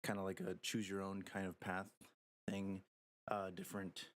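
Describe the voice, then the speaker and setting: A man's voice: deep voice, monotone, moderate pace. A man casually commentating a live game stream, rambling and thinking aloud as he talks to his viewers.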